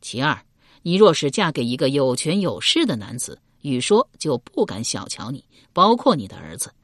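A woman plays a shrewd statesman in an audiobook, speaking in a measured, authoritative way with a lively rise and fall. The voice is husky and recorded dry and close. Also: extremely low pitch, dry recording, heavily acted. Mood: persuading. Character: shrewd, calm male chancellor, middle-aged. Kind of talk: audiobook character voice.

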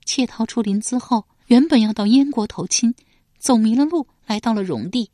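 A woman voicing a gentle, earnest young former palace maid in a storybook reading. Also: a little high, normal speed, dry recording, studio quality, pitched above the performer's own voice, close to an everyday voice.

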